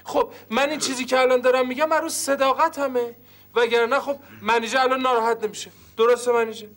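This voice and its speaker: A preachy detective in a TV comedy, his voice pitched very high for a man. He scolds and explains at length. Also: fairly even intonation, fairly bright tone. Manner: lecturing, reproachful. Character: earnest scolding detective Ardalan. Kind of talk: TV sitcom acting.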